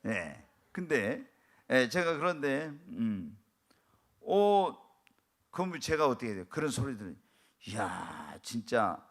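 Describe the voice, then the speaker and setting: A man's voice: mid-range voice, very animated, takes it slowly. A middle-aged man preaching an emphatic sermon as pastor, acting out prayers and quarrels as he goes.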